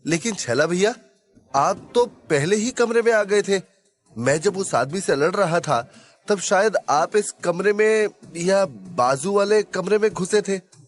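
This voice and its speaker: A man's voice: sits high, lively intonation, a little slow, faint music behind, voice pushed up. A man voicing a suspicious young man who questions pointedly in an audio drama.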